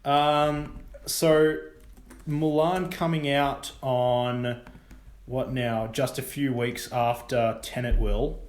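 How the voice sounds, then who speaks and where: An excitable young man talks movies as co-host of a casual chat show, his voice sitting at an ordinary pitch. His words jump from topic to topic, often with bursts of enthusiasm. The room gives everything a noticeable echo. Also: very slow. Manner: animated, jumps between topics with bursts of excitement. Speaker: podcast co-host. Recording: roomy echo.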